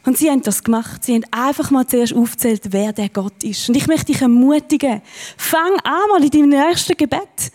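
A woman's voice: high-pitched, fairly quick, a little mellow. A woman preaching a sermon from a church stage, earnest and encouraging, with emphatic rises in her voice.

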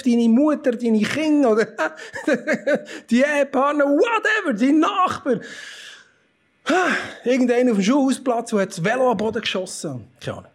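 A man preaching a sermon as pastor with a Swiss German accent, telling the story in a lively, animated way with sudden loud outbursts. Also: very high voice.

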